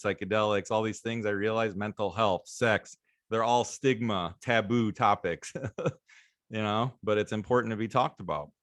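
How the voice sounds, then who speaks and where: A man in his thirties hosting a podcast, talking calmly and reflectively with frequent affirmations. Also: on the low side, dry recording, studio quality. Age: 30s. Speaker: podcast host, naturopathic doctor. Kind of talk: casual interview chat.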